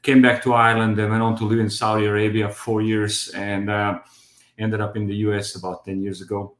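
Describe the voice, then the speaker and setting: A man's voice: lowish voice, flat delivery, brisk, echoey room. Man in his fifties, hesitant. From Croatia. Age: 50s. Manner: hesitant, many fillers and restarts. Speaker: guest sharing his diet story. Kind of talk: casual testimonial.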